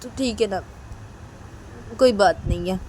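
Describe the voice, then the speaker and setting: Lady doing a lovesick young woman in a storybook, soft and halting, mellow low tone. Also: a little hiss or hum, natural voice, low-quality recording. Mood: pleading. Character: lovelorn young woman confessing hidden love.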